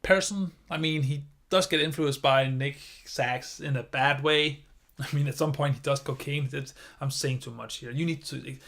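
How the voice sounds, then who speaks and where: A man's voice: fairly high pitch, steady tone, moderate pace, a bit bright. A man giving a casual video review of a TV series, enthusiastic and rambling, often circling back on his points.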